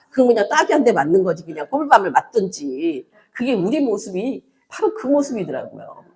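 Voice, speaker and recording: Lively older woman preaching a sermon. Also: high voice. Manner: animated storytelling, acting out dialogue in different voices; conversational and chatty, speaking directly to the congregation. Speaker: pastor.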